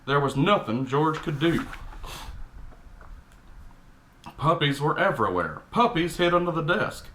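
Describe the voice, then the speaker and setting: Pitched on the high side, his voice is bright and forceful, expressive and moderately paced. A man impersonates an ill-tempered Texan father in middle age, accent and all, reading from a picture book while tossing out blunt, slightly profane complaints. The effect is exasperated, grumbling comic storytelling.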